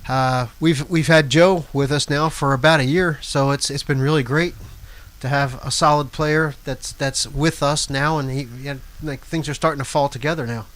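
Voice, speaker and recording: A man's voice: a little high, steady tone, normal speed, fairly bright tone. A man from a rock band telling stories in a casual interview, repeating words as he goes and chuckling. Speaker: band member.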